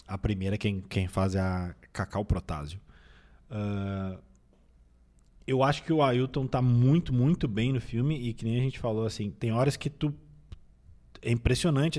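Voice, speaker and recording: A man's voice: fairly low pitch, normal speed. A man with a nasal voice from a cold, chatting casually as a film critic. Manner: relaxed, rambling with restarts. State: recovering from a cold. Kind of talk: casual film review chat.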